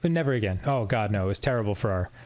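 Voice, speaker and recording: A man hosting a casual chat, relaxed and laughing easily. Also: lowish voice, racing. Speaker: host.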